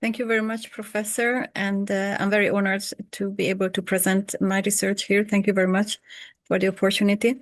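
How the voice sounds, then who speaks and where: A woman, a PhD candidate, giving an academic presentation on a video call, pausing often with ums. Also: medium pitch, level tone, no room sound, studio quality. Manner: hesitant, many ums.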